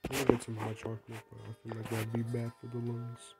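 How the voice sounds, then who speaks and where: A man's voice: medium pitch, monotone, quick pace, loud music behind the voice. A young man who is sick, casually narrating his game in a rambling, playful, self-mocking way. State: sick, coughing. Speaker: gaming vlogger. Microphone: phone screen recording.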